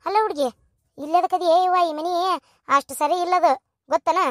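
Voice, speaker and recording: A woman playing an older village gossip in a cartoon, hushed and wary, with a North Karnataka Kannada accent. The voice is very high and recorded dry. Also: fairly even intonation, normal speed, no room sound. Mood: confiding. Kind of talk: cartoon voice acting.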